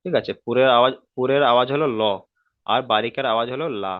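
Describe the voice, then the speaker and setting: Guy teaching quran reading, slow and patient, lots of repeating, dull dry recording. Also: mid-range voice, dry recording. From Bengal. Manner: patient, repetitive, spells letters out slowly; often checks understanding with a quick question. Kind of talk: recorded online lesson.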